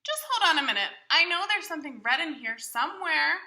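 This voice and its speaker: Friendly, muddled giant kid-like bird for a picture book, played by a woman: high, lively pitch, earnest and hesitant. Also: brisk, heavily acted. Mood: eager, earnest. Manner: hesitant, earnest, folksy exclamations. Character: big friendly childlike bird, earnest, muddled, eager show-and-tell host.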